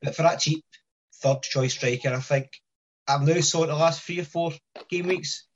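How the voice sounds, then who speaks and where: A man's voice: on the high side, steady tone, normal speed. A man hosting a casual fantasy football podcast, chatty and steering the talk between co-hosts. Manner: chatty, leads the discussion and hands over to co-hosts. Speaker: podcast host. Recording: lo-fi dull audio.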